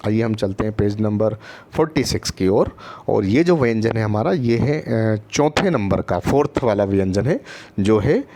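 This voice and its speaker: A man's voice: on the low side, expressive, moderate pace, dark tone. A man teaching first graders in an online lesson, patient and repetitive, often checking in with his listeners and drawing out letter sounds. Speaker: primary school teacher.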